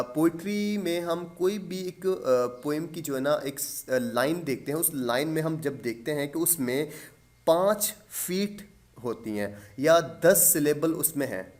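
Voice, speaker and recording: Patient male teacher, slightly high voice. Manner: explains patiently with frequent fillers and repetition; mixes English terms into his speech. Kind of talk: lecture explaining poetic meter.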